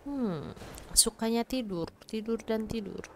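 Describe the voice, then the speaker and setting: A woman streamer chatting in a game role-play. She is brash and teasing and swears freely. Her voice sits a bit high. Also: takes it slowly, creaky, dark tone, a little hiss or hum.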